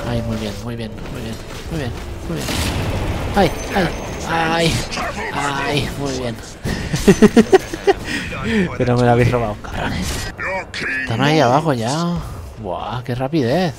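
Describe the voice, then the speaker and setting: A man's voice: mid-range voice, takes it slowly, pauses often. A young man giving casual, self-mocking commentary over a video game he admits he plays badly. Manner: self-mocking, bursts into laughter and yelps. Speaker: gameplay commentator. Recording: game sounds and noise behind the voice.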